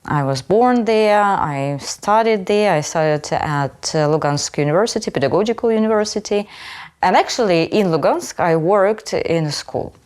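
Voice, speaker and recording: Low-voiced Ukrainian-accented woman, measured. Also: expressive, a little mellow. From Luhansk region, Ukraine. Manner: measured, self-introducing, plain phrasing. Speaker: cultural association member, former teacher. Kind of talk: documentary interview.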